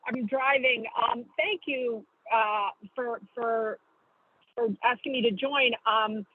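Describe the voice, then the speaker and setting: A woman's voice: on the high side, steady tone. Woman calling in from her car by phone. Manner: explains step by step, with pauses and self-corrections. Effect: phone call from a moving car. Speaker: guest speaker. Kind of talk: call-in briefing on a video call. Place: in a car while driving. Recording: tinny phone line from a car.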